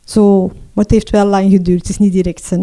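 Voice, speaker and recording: A middle-aged Flemish woman giving a personal testimony in an earnest, halting way, often ending with a questioning tag. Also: mid-range voice, little pitch movement, mellow. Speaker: mother telling her story.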